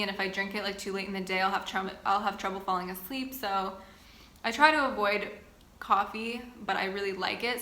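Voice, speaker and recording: In a sit-down get-to-know-me video, a woman in her 20s from the Boston area reads questions and answers them at length in a casual way. Her voice sits at medium pitch and comes across pushed and bright. Faint ambient noise and echo color the recording.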